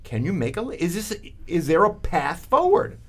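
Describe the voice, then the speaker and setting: Animated, high-pitched man. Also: normal speed. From Brooklyn, New York. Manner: brash, interrupting, pressing with blunt questions. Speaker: podcast co-host and newspaper reporter. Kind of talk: loose, bantering interview.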